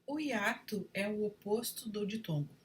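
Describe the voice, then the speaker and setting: A woman giving a read-aloud grammar lesson, spelling out spelling rules one word at a time in a deliberate way. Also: medium pitch, expressive, recorded from a distance. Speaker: Portuguese writing teacher.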